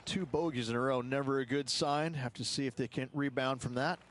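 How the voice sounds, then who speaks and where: A man's voice: medium pitch, steady tone, a little fast, slight background noise, close to an everyday voice. A man playing a golf commentator in a video game, giving conversational analyst remarks over outdoor ambience. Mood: measured, analytical.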